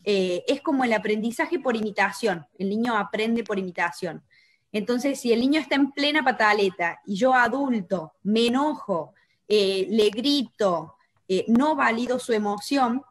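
Calm explaining woman with Chilean accent. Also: fairly high pitch. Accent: Chilean Spanish. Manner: calm, explanatory, many hesitations. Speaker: co-host. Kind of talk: casual talk show conversation.

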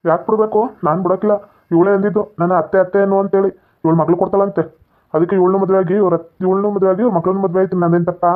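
A man playing a childish, lovesick madman son in a village comedy skit, insisting and whining fast. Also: sits high, little pitch movement, close to an everyday voice. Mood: stubborn. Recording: tinny phone-like lo-fi audio.

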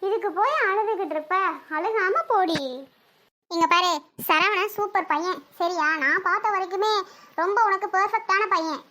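High bright voice doing a consoling girlfriend, coaxing, gentle, very high, sharp tone. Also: moderate pace. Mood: soothing. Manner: soothing, coaxing. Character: comforting female friend of the bride.

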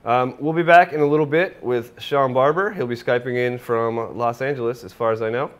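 A man in his thirties hosting an online tattoo show, talking in a relaxed, friendly way with fillers. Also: medium pitch, a little fast. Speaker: host. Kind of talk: casual interview host. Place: indoor studio room.

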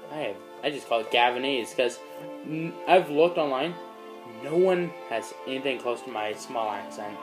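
This is a rough recording with music in the background: a teenage let's play host, mid-range voice at a moderate pace, casually narrating his game. Shot by phone in a dim room in front of a screen, he's excitable and yelps when in danger.

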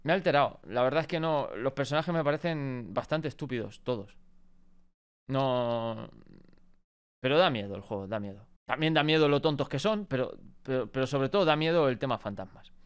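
A young man from chatting about video games to his viewers, excitable and given to swearing, indignant rants. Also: a little high, fast talker, smooth. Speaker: gaming YouTuber. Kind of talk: casual gaming commentary to camera.

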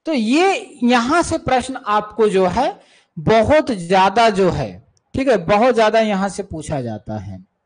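A man's voice: sits high, very animated, unhurried, low-quality recording. A man coaching students for music teacher exams, who repeats key terms and speaks to students as "beta" while answering viewer questions.

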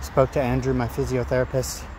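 A middle-aged man talking casually to his phone outdoors in a halting, phrase-by-phrase way, as an amateur runner making a vlog. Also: mid-range voice, completely flat delivery. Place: outdoors among trees. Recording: noisy outdoor ambience with traffic. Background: outdoor and vehicle noise.

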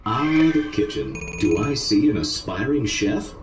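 Robot guide guy, synthetic voice, dry and calm, swoops up and down a lot. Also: on the low side, measured pace, music in the background. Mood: instructive. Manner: calm, dry, matter-of-fact instructions. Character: polite robot guide of a game, male. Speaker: in-game guide.

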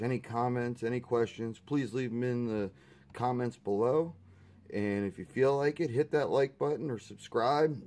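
A man talking casually through a drone build, relaxed and plain-spoken with the odd "uh". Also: fairly low pitch. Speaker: drone hobby video host.

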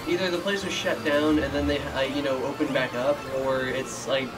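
A man's voice: mid-range voice, steady tone, normal speed, music in the background. A young man chatting casually with friends while gaming, rambling through stories full of fillers. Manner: rambling, filler-heavy storytelling. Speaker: gamer friend. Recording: distant mic with clear background noise.

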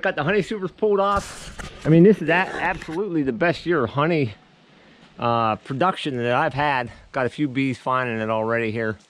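A man's voice: mid-range voice, a bit bright, slight background noise. A middle-aged man filming a casual walk-and-talk vlog outdoors on a head-mounted action camera, talking in an easygoing, rambling way with many restarts. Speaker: vlogger and beekeeper. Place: outdoors at a rural building site.

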